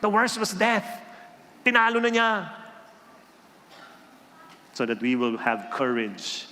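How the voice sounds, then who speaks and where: A man's voice: high-pitched, slow pace, a little hiss or hum. A man with a Filipino accent preaching a sermon, telling stories and acting out the voices in them. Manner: animated storytelling, mixing Tagalog and English, acting out dialogue. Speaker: pastor. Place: church hall. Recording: long hall reverb.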